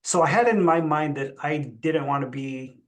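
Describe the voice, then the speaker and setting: Speaking at normal speed with a rather high voice, a middle-aged man from the Philippines talks as an interview guest. He's a chief executive and Tagalog speaker recounting his experiences conversationally.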